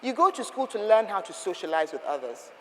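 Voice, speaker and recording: A woman's voice: medium pitch, very animated, fairly quick, a little hiss or hum. A woman giving a firm, instructive talk on etiquette to a group, asking rhetorical questions. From Nigeria. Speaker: etiquette trainer. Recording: long reverb of a hall.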